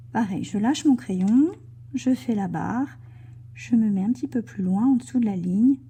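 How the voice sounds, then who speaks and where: A woman leads a cursive writing lesson for young children, speaking slowly and guiding each stroke. Her voice is fairly high but very mellow and dark in tone, with a strongly breathy, husky quality. She slips into soft whispers as she writes. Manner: slow, gentle, talks the child through each stroke. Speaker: teacher.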